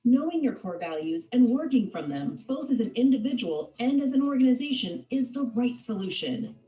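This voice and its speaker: A woman reading a scripted narration for a video in a measured, persuasive way. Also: on the high side, mellow. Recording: muffled, echoey video playback.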